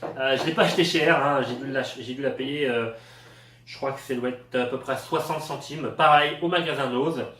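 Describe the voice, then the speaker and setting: A man's voice: mid-range voice, moderate pace, a bit bright. Hesitant Frenchman in an echoey room. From France. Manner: hesitant, many fillers. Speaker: product tester. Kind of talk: casual product review. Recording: echoey room, voice a bit far from the mic.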